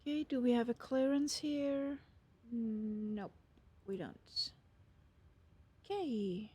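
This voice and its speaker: Female sim pilot, unhurried and slightly high, mixing procedural radio calls with casual streamer talk. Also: dark tone, husky. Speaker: flight simulator streamer playing a pilot. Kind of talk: radio readbacks and casual gameplay commentary.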